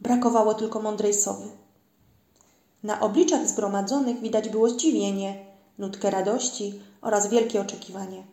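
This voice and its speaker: A woman narrating a children's storybook in a gentle storytelling manner, in a roomy-sounding recording. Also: mid-range voice, fairly even intonation, normal speed. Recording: roomy echo.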